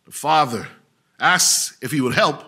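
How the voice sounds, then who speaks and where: A man preaching a sermon, telling a story dramatically, swinging from loud to hushed. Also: a little high, unhurried, slightly rough.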